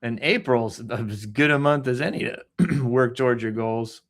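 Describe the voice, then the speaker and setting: A man hosting a casual news read-through, joking around, clearing his throat often and making sound-effect noises between stories. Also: mid-range voice, a little slow. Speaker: host reading the news.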